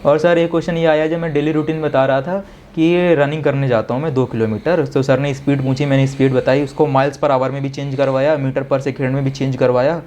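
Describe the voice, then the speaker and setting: A man's voice: medium pitch, a little fast, hardly any pauses, slight background noise. A young man in an interview, casually recounting his own experience and switching between Hindi and English while often calling the listener "sir". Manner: animated retelling that mixes Hindi with English phrases; keeps addressing the listener as "sir". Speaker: interviewee, successful defence exam candidate.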